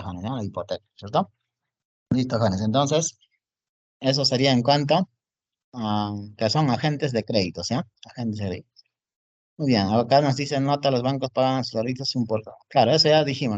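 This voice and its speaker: A man's voice: mid-range voice, a little mellow, no room sound. A man teaching a class, typing on screen as he explains and often asking the students if they follow. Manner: repeats "jóvenes" and "¿no es cierto?" often; talks while typing on screen. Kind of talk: online class lecture. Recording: dull dry recording.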